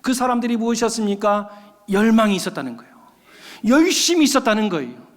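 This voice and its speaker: A man's voice: sits high, expressive, fast talker. A man preaching a sermon as pastor, emphatic and calling out often to the congregation. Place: church sanctuary. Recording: long church hall reverb.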